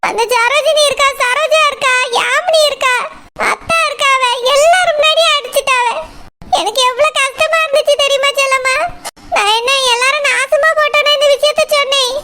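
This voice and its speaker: A woman's voice: extremely high pitch, bright, forceful tone, slight background noise. A woman voicing a proud, humiliated elder daughter-in-law in a cartoon, complaining bitterly. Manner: aggrieved, complaining.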